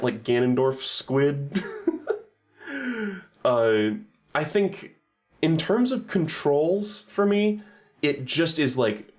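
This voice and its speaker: A man giving casual, rambling game reviews on a stream, swearing freely and correcting himself as he goes. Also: medium pitch.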